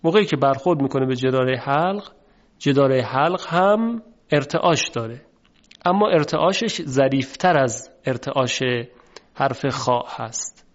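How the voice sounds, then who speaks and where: A man with a Persian accent teaching Quranic pronunciation, explaining patiently and slowly drawing out the example words. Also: mid-range voice, animated. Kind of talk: phonetics lesson with drawn-out example words. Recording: dull lo-fi recording.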